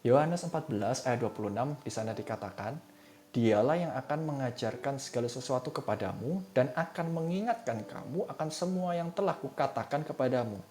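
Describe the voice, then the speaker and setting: A man's voice: medium pitch, lively intonation, brisk. A man giving a sermon in a casual, conversational way, speaking straight to his listeners. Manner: casual conversational preaching, addresses listeners as "saudara". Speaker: preacher. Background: soft instrumental music.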